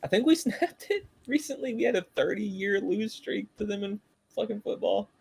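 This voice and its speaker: A man's voice: high voice, lively intonation, moderate pace, gravelly, husky. A young man with a Southern US accent hosting a casual podcast, talking sports with emphatic, profane remarks and stammered restarts. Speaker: podcast host. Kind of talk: casual chat.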